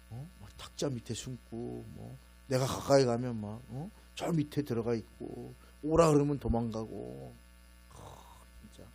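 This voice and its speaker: A middle-aged man preaches in a church, talking to the congregation as if chatting with them. He slips into his own stern or gentle voice as he tells a story, and a faint mains hum runs under the recording. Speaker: pastor. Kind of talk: sermon. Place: church sanctuary. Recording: low mains hum behind the voice.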